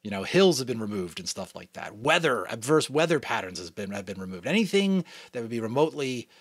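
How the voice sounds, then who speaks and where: Brisk and husky at medium pitch, a New England American father performs an audiobook with expressive drama and casual commentary. The studio-quality recording has no echo, and his storytelling stays animated.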